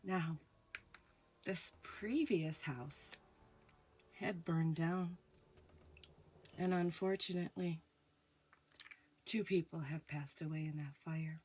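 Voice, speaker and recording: A low-voiced woman, the storyteller host, narrates a spoken ghost story slowly and in a hush, with dramatic pauses. She's recovering from an illness, and her voice sounds off.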